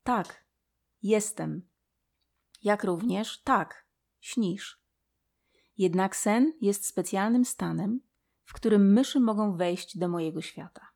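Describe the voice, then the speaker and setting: A woman voicing a wise, gentle female mouse god who speaks softly and patiently. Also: mid-range voice, takes it slowly, vocal fry, pauses often. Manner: soft, patient, mysterious.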